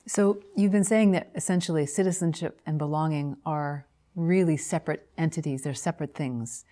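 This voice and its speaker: A woman with a low-pitched voice opens an academic interview. She reads titles and names in a formal, measured way. Then she asks her guest questions with steady care. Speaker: interviewer, professor.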